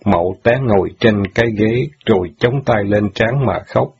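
Man narrating an audiobook, low and husky, lo-fi. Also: normal speed, a little mellow. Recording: dull lo-fi audio.

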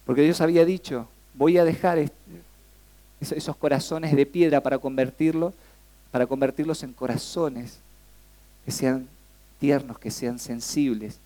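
A young man with a Rioplatense Spanish accent preaches a sermon at normal speed in a medium-pitched voice, leaving long pauses. He's lively and conversational, constantly asking the congregation questions.

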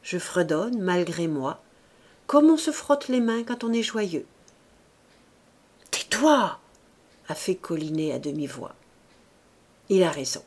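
A woman reading a novel aloud in an expressive, measured way, sometimes dropping to a hushed near-whisper. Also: fairly low pitch. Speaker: audiobook reader.

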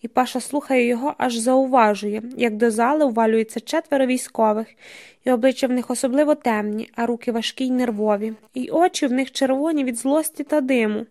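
A woman narrating an audiobook in a measured, even storytelling manner. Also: a little high.

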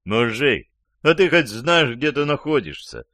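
Jeering jealous lover voiced by a male narrator: sarcastic, gloating, loud, dry sound. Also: mid-range voice, very animated, a little slow, no echo. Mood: mocking. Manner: sarcastic, gloating, laughing wildly. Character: angry, sarcastic jealous lover, adult man.

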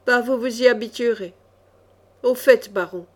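A woman voicing a cool, ironic young male chevalier in a storybook reading, calm and mocking. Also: on the high side, normal speed, natural voice.

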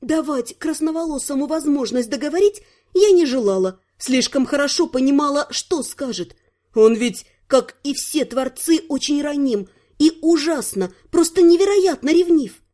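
A woman's voice: high voice, dark tone. A woman reading a first-person fantasy novel aloud, narrating expressively. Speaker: audiobook narrator.

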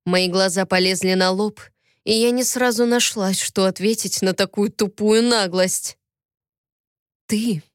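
A woman narrating a first-person audiobook in an expressive reading voice. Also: medium pitch, normal speed, clear, resonant tone, dry recording, clean studio sound.

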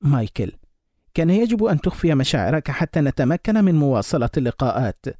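A man's voice: fairly high pitch, very animated, quick pace, warm tone, no room sound, studio quality. A man voicing a troubled young married woman in love, reading her lines in a restrained, sorrowful way.

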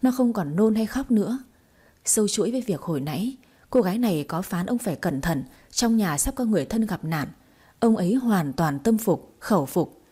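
Woman reading a story out loud, expressive, warm husky voice. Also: medium pitch, normal speed. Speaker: audiobook narrator. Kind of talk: storybook narration.

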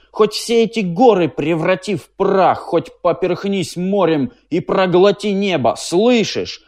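A man voicing a hot-tempered male inventor who shouts defiantly in a hoarse voice. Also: sits high, pitched above the performer's own voice, heavily acted.

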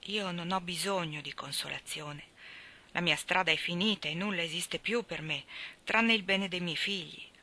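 A woman's voice: fairly low pitch, moderate pace, sharp tone. A woman reading aloud voices a worried widowed mother who laments her sons in an anxious, pleading way. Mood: weary.

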